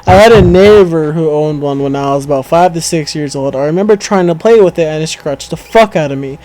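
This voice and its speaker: A man's voice: on the high side, fairly quick, a little mellow, low-quality recording. A man casually reading an online story aloud to a co-host, stumbling over words and correcting himself as he goes. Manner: reads aloud with stumbles, self-corrections and laughter.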